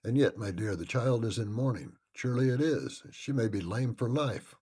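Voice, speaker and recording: A man's voice: mid-range voice, lively intonation, moderate pace, dark tone, breathy edge, pitched above the performer's own voice. A man voicing a haughty older lady of the house who speaks in a prim, disdainful manner.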